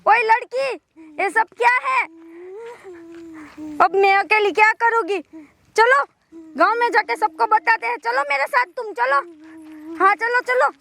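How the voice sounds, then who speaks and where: Very high, bright-voiced village woman. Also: a little slow, gravelly, pauses often, slight background noise. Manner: loud, calling out and dramatic. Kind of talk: rural comedy sketch acting.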